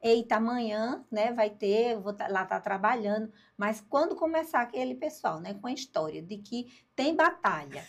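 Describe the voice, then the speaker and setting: Older woman, lively storyteller, fairly high voice, plays out the conversations. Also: moderate pace, hardly any pauses. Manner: lively storyteller, acts out dialogue, laughs at herself. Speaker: guest. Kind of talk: storytelling in a podcast interview.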